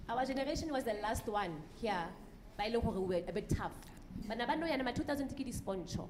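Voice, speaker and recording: A woman's voice: on the high side, expressive, quick pace. A South African woman speaking candidly and with animation in a conversational panel talk. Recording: clearly noisy live event recording.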